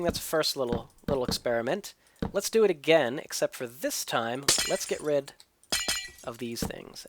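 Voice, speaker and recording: Against a noisy background, a mid-range male voice guides viewers through a let's play, explaining his builds and tests as he goes in tutorial-style commentary and thinking aloud. He sounds a little stuffy from a cold.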